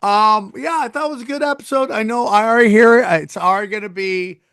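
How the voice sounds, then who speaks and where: A man's voice: high-pitched, fast talker, a bit bright, clean tone, no echo, clean studio sound. A man hosting a casual podcast, talking in a loose, rambling way and plugging his live shows. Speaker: podcast host.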